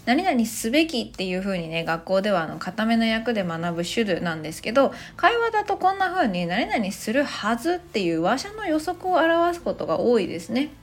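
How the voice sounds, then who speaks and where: A woman giving a casual spoken language lesson, chatty and full of soft fillers. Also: fairly high pitch, big pitch swings, brisk, hardly any pauses. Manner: chatty, many soft fillers, laughs lightly. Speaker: English teacher and podcaster.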